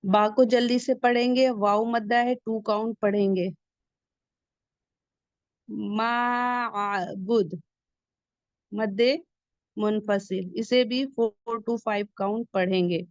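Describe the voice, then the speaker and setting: A woman's voice: medium pitch, steady tone, unhurried, darkish tone, no room sound. A woman teaching recitation rules, explaining each point patiently and repeating the important ones. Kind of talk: step-by-step recitation lesson. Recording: dull lo-fi sound.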